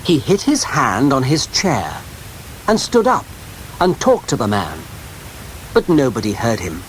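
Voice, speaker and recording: A man reads a story aloud at an unhurried, deliberate pace, his pitch rising and falling expressively. The sound comes from a worn cassette tape copy with a faint hiss underneath. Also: wildly swooping pitch, rough recording. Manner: slow, careful, clearly spoken reading. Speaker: audiobook narrator. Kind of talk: scripted audiobook narration.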